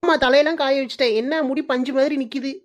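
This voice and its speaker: A woman voicing a calm young bride in a cartoon, speaking softly. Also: high-pitched, fast talker, muffled recording, pitched below the performer's own voice, lightly acted. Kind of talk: cartoon voice acting.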